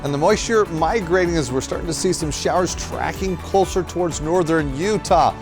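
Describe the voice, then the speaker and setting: Male weather forecaster, slightly high, music bed clearly under. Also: normal speed. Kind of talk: weather tease.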